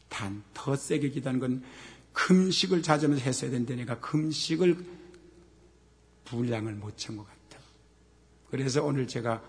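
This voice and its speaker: A middle-aged man preaching a sermon as pastor, moving from quiet talk to shouted scripture and asking questions he then answers himself. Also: mid-range voice. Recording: long hall reverb.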